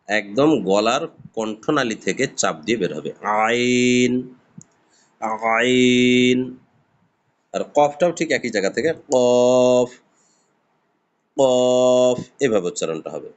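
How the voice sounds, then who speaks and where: A man's voice: on the low side, animated. Man teaching Arabic letter sounds. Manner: drawn-out demonstration of letter sounds, patient explaining. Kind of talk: step-by-step pronunciation lesson.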